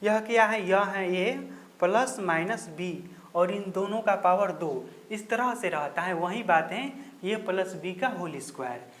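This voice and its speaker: A man's voice: high-pitched, unhurried, fairly bright tone. A man teaching a math lesson step by step, patient and repetitive, often pointing the listener back to the board. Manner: patient, repetitive, keeps saying "look here". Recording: roomy echo.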